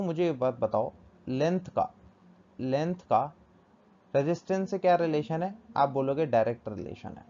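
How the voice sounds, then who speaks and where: A man's voice: on the high side, warm tone, slight background noise. A male teacher giving a physics lesson, asking questions and answering them himself, repeating key terms. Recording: dull lo-fi recording.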